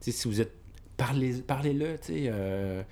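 Very deep-voiced woman. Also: expressive, normal speed, dark tone. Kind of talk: casual panel chat.

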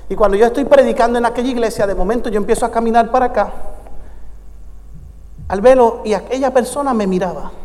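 A man, a pastor preaching a sermon full of storytelling that rises into fervent, shouted exhortation. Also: very high voice. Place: church sanctuary. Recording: long church reverb.

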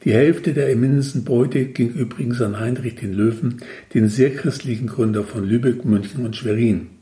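A man's voice: mid-range voice, normal speed, warm tone. A man narrating a first-person story in a wry, conversational way. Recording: roomy echo.

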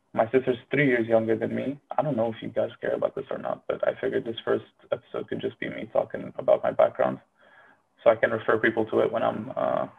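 A Syrian medical student vlogger in his early twenties, with a Syrian Arabic accent, rambles casually through a monologue filled with fillers, often putting himself down. His medium-pitched voice is creaky and slightly rough. The audio is narrow and tinny.

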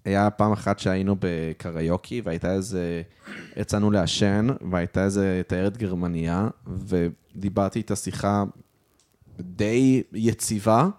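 A man's voice: sits low, fairly even intonation, darkish tone. A man hosting a casual chat, inquisitive and jokey in his way of talking. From Israel.

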